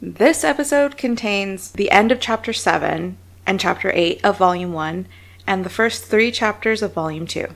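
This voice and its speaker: A woman's voice: medium pitch, moderate pace, gravelly. A woman podcast host talking in an informative, conversational way. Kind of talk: casual episode discussion.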